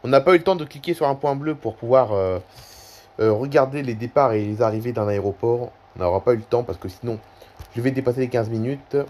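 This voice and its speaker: A man at his desk talks through a flight-tracking map for his video viewers. His delivery is loose and conversational, full of small hesitations and self-corrections. His voice sits at an ordinary, middling pitch. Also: a little fast, a little mellow. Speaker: YouTuber. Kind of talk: casual screen-recording commentary.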